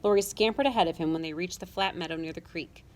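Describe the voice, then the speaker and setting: A woman narrating a children's storybook with a lively, expressive reading. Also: lowish voice, quick pace. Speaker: audiobook narrator.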